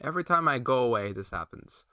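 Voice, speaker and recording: A man's voice: mid-range voice, expressive, quick pace, pushed and bright, no echo. A young man streaming a video game, rambling playfully and chatting with his viewers. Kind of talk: casual game-stream commentary.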